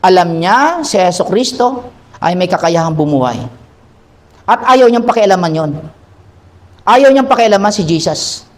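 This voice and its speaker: A man preaching a sermon as pastor in a church, retelling scripture in an animated way and acting out the people in it. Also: high-pitched, normal speed, pauses often. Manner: animated storytelling, acts out characters.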